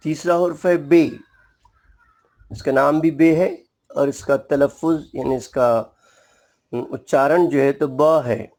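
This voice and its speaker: Man, language teacher, slightly high voice, unhurried, formal and courteous, patient explanations. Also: steady tone, darkish tone. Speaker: Urdu teacher. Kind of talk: slow spoken language lesson.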